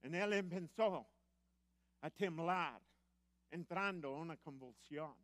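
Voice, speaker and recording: A middle-aged man preaching in a halting, Spanish, animatedly telling a personal testimony. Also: fairly high pitch, no echo. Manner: animated, acts out quoted voices, halting grammar.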